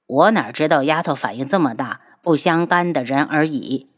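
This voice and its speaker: A woman's voice: low-pitched, lively intonation, normal speed. A woman voicing a playful, lovesick young man who speaks in a teasing, familiar way.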